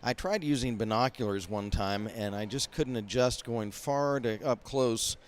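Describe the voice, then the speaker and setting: A man calling a high school hockey game play by play, folksy and rambling with lots of fillers, from behind glass up in a rink mezzanine. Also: unhurried, clean tone. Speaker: play-by-play announcer. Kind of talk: amateur hockey play-by-play commentary.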